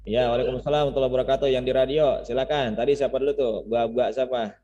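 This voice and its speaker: In a Zoom class with muffled, echoing sound and a little background noise, a man gives an informal Quran recitation lesson. His mellow, medium-pitched voice stays steady and moves at a rapid-fire pace as he explains words and syllables and chants them repeatedly to demonstrate.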